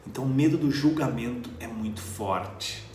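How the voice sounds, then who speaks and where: A man coaching public speaking to camera, earnest and stressing words with slow, emphatic pauses. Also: mid-range voice, darkish tone, reverberant, slight background noise. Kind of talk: motivational talk to camera.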